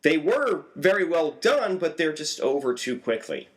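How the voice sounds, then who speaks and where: A man talks through a film review in a casual, conversational way. His voice sits a little high and jumps up further when he stresses a point. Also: measured pace. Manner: animated, swings pitch up for emphasis.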